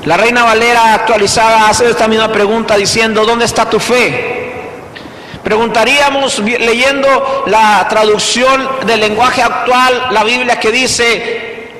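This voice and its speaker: A male pastor preaching a sermon, emphatic, with repeated rhetorical questions, swinging between loud and hushed delivery. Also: very high voice, steady tone, measured pace, slight background noise. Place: church hall. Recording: echoey hall reverb.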